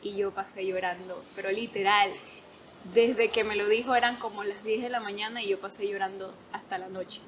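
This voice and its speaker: A woman in her twenties, a podcast guest, telling stories in an animated way, laughing often and acting out quotes. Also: mid-range voice, normal speed, slight background noise. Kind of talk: casual storytelling.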